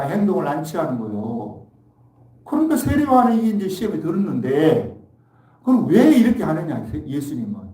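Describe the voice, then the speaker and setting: A man preaching a Sunday sermon as pastor. He talks in a lively way, acts out the voices he quotes, and keeps asking the congregation questions. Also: high-pitched. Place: church sanctuary. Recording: echoey hall, mic from far off.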